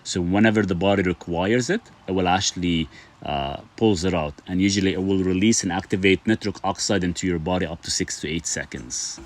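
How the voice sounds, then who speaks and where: A middle-aged man from Lebanon with a low voice talks a little fast. He hosts a laid-back live stream, reading out what viewers comment and responding chattily with lots of fillers.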